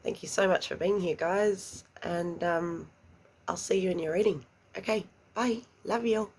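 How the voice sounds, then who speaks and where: Speaking a little slowly in a lowish, darkish voice with a breathy edge, a woman offers a pick-a-card tarot reading. She's chatty and somewhat congested after an illness, murmuring questions to spirit.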